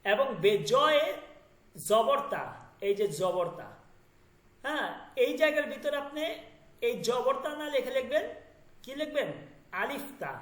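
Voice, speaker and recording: A man's voice: very high voice, expressive, unhurried, long pauses, a bit bright. A man with a Bangladeshi Bengali accent teaching an online language lesson, explaining step by step and often checking that students understand. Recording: echoey room.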